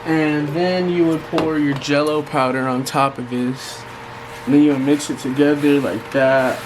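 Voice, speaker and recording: An American vlogger with a slightly high voice gives a fishing bait tutorial at home, chatting casually and unhurriedly to viewers in colloquial terms. The room is hot, and a running fan hums clearly in the background.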